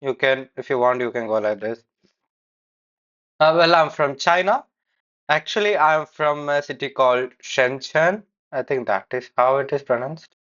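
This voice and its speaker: A man explains how to improve answers on a speaking exam, stopping to correct and restate phrases. His voice sits at a middle pitch. The recording sounds a little dull and lo-fi. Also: moderate pace, fairly bright tone. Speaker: IELTS coach giving feedback. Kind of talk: feedback commentary on a recorded test.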